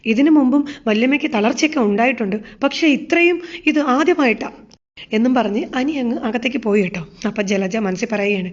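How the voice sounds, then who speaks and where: A woman's voice: fairly high pitch, brisk. A woman casually retelling a TV serial episode, chatty, full of fillers and asides to the listener. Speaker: serial recap narrator. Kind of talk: casual spoken episode recap with quoted dialogue. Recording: dull lo-fi sound.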